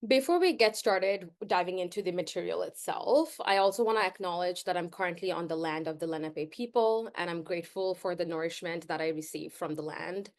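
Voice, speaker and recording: A woman from Bangladesh, leading an online workshop in an earnest, measured way with frequent "um" pauses, heard over a video call. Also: lowish voice. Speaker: workshop facilitator.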